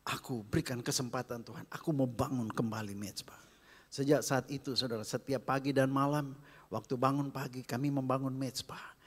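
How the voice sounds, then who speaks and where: A man preaching a sermon as pastor, with an Indonesian accent, swinging from loud calls to hushed whispers. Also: medium pitch, husky. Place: church hall. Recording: long reverb of a church hall.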